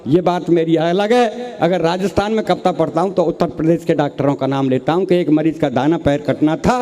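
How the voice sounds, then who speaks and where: A man's voice: fairly high pitch, a little fast, dark tone. A man in his sixties from Rajasthan, with a Rajasthani Hindi accent, telling funny stories at a comic poetry recital and acting out the dialogue. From Rajasthan, India. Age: 60s. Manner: anecdotal storytelling, acting out dialogue. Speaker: comic poet.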